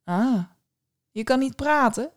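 A woman voicing a young prince, doting, cheerful and self-absorbed, who speaks brightly and eagerly. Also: high-pitched, expressive, takes it slowly, pitched above the performer's own voice.

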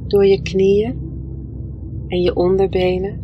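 Slow, soothing woman guiding a meditation. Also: mid-range voice, level tone, lo-fi sound. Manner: soft, soothing, gentle delivery with long pauses. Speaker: guided meditation leader. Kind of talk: guided meditation narration. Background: music.

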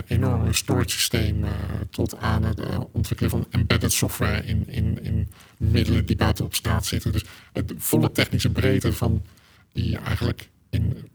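A man's voice: medium pitch, husky. Man with a distorted, disguised voice. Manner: halting, with frequent restarts and fillers. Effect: voice electronically distorted to disguise identity. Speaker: technical specialist interviewed anonymously. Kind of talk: interview answers.

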